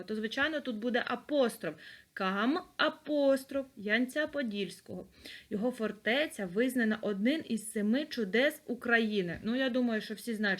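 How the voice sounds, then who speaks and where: Patient woman teacher dictating slowly. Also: fairly high pitch, a bit bright. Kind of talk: online language lesson. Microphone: computer mic, screen recording.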